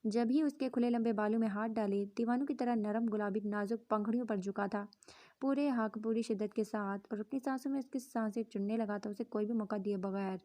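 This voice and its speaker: Woman, audio novel narrator, even storytelling, slightly high voice, mellow tone. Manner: even storytelling, mixes in English words.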